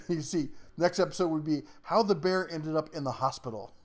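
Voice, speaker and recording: A man with a somewhat high voice runs down a list of tools in casual, folksy shop talk. He rambles between points and chuckles often, like someone chatting from his garage workbench. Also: moderate pace. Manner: down-to-earth workshop slang. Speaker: tool review channel host. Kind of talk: casual product rundown.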